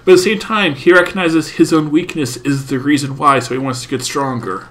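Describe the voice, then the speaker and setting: A man's voice: fairly high pitch, a little fast. A man co-hosting a podcast, chatting casually through his notes about an anime episode. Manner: talks through notes, steady and agreeable. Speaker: podcast co-host. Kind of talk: casual anime review chat.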